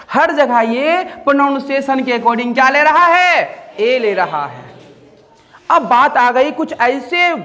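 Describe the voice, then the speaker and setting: A man's voice: very high-pitched, bright, forceful tone. A man teaching an English grammar lesson, repeatedly asking the class questions and answering them himself.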